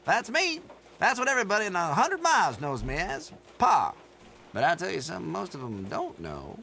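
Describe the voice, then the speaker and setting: An actor playing a folksy, teasing old country shopkeeper with an American Southern accent and a youthful, sprightly manner, in a video game. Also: male voice, high-pitched, wildly swooping pitch, normal speed, gravelly, bright, forceful tone, slight background noise, full character voice. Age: older. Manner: youthful, spry elder, folksy and playful. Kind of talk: video game character dialogue.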